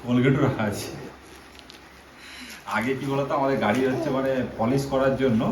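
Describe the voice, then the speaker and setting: Fast-talking man in an echoey room. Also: medium pitch, fairly even intonation, background noise. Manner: hesitant, many fillers, explains step by step. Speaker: husband explaining car care purchases. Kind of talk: casual explaining. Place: home indoors.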